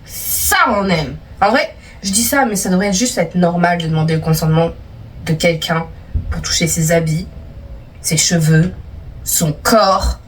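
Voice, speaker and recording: A woman's voice: fairly low pitch, normal speed, pauses often, a little hiss or hum. Playful young woman reacting from a distance. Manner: playful, teasing, talks back to the stories. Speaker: vlogger reading viewer stories. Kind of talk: casual reaction chat.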